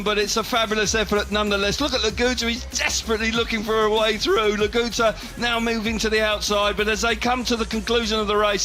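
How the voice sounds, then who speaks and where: A man giving expert live motorsport commentary with an animated, emphatic delivery. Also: high-pitched. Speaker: expert co-commentator, former rider.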